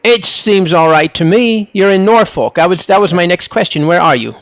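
Higher-pitched, creaky-voiced man hosting a podcast. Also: animated, normal speed, no echo. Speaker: podcast host. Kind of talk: casual interview chat.

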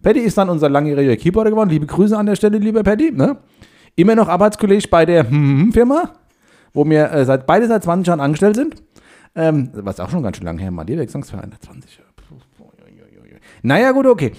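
A man's voice: fairly high pitch, sing-song, dark tone. Rambling man telling stories. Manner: rambling, halting with many fillers. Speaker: podcast co-host. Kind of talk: casual anecdote telling.

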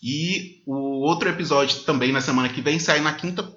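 Man in his thirties, bright roomy voice. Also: fairly high pitch, moderate pace. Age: 30s. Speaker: podcast host. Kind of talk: casual chat. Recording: roomy, dull lo-fi sound.

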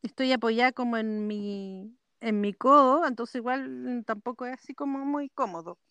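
Chatting casually as a podcast co-host, a woman with a Chilean accent rambles through stories from beneath a duvet in bed, often laughing. Her fairly high voice is a bit bright and smooth, moving at a moderate pace, via headphones and computer with no room sound.

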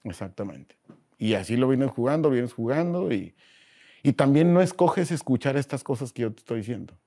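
A man with a Mexican Spanish accent, a guest in a casual interview, talking in slangy, animated bursts and acting out voices as he tells stories. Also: mid-range voice, moderate pace.

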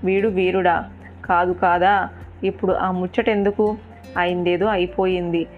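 A woman's voice: on the low side, little pitch movement, unhurried, natural voice. A dismissive male warrior prince, read by a woman narrator in her own plain voice. The sound is tinny and narrow, with faint music behind.

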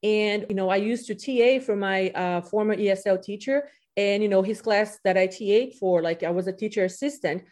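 Speaking briskly with hardly any pauses, this woman has a mid-range voice and a darkish tone. She's a Brazilian-born podcast guest in her thirties, a native Portuguese speaker, casually discussing teaching with frequent "you know" fillers.

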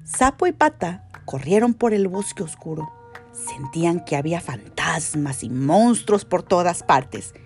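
A woman reading a children's story aloud, gentle and expressive, hushing her voice in the tense parts. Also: lowish voice, unhurried, soft background music.

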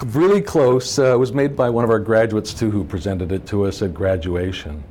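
A man's voice: on the low side, moderate pace, dark tone. A middle-aged man giving casual explanations as an interview guest in a school hallway. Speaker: makeup department head, interview guest. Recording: background noise in hallway.

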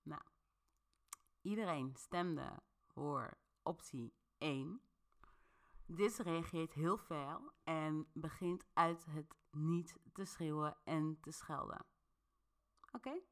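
A low-voiced woman speaks slowly, leaving long pauses. She's a podcast host walking listeners through an interactive story in a laid-back, talkative manner, speaking straight to them.

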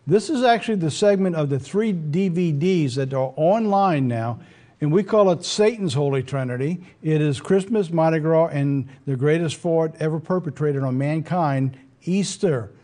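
Male religious program host, soft dark timbre, slightly high pitch, informal emphatic preaching. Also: normal speed. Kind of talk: informal presenting and preaching to viewers.

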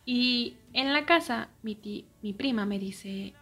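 A young woman with a Mexican accent telling a personal story in a casual way, often dropping into soft, near-whispered asides. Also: fairly high pitch, takes it slowly, faint music behind.

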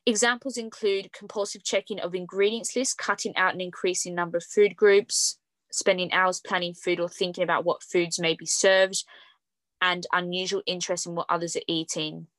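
A young woman talks in a casual podcast chat, her voice sitting on the lower side. The sound is dry and close, with no room around it. She rambles easily, full of fillers and quick laughs. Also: steady tone, a bit bright, no echo. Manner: chatty, fillers like "like" and "um", laughs often. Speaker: podcast host.

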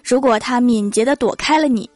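A young woman hosting a comedy show, telling comic stories in a lively, teasing way. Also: a little high, a little fast. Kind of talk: scripted comic monologue.

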